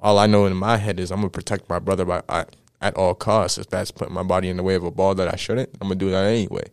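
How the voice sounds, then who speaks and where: Deep-voiced young man, dry close sound. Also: rapid-fire, clean tone, no room sound. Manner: animated storyteller, many "right?" tags. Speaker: football player guest. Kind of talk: casual interview answers.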